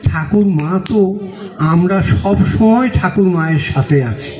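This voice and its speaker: A man with a Bengali accent giving a sermon as a monk, asking the audience questions and answering them himself, telling stories with gentle humor. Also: high-pitched, soft background music. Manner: unhurried storytelling with gentle humor. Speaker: monk giving a religious talk. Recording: echoey, dull lo-fi recording.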